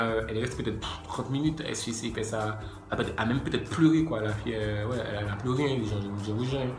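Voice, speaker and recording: A man telling a casual storytime to his viewers, slangy and chatty, addressing them directly. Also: fairly low pitch. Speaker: YouTuber. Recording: echoey room with faint music.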